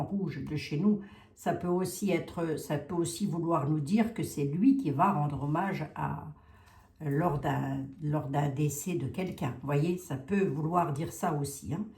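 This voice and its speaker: Speaking in a low, mellow voice in a roomy-sounding space, a woman from Lorraine does a relaxed tarot and oracle reading. This psychic chats away, poses questions aloud, and softens her statements with "hein."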